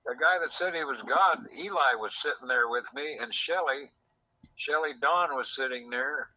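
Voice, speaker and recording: A man's voice: mid-range voice, moderate pace, sharp tone, a little hiss or hum, low-quality recording. A man telling a rambling story in casual chat, quoting people in dialogue, recorded in a secretly taped conversation. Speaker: host.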